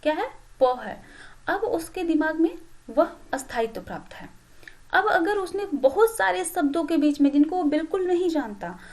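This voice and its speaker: A woman with a high voice gives a patient lesson to teacher trainees. She talks through each point step by step. She keeps checking in with her listeners and pauses on fillers as she goes. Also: a little mellow. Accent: Hindi. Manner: explains slowly with many "ठीक" check-ins and fillers. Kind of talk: classroom lecture.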